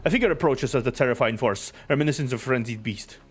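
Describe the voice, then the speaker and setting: A man's voice: medium pitch, fast talker, faint music behind. A man casually narrating a game and reading its dialogue aloud as a streamer.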